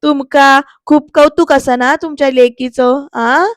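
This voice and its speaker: A woman's voice: sits high, little pitch movement, slow pace, a little mellow, clear, resonant tone, no room sound, clean studio sound. Woman doing a teasing young man.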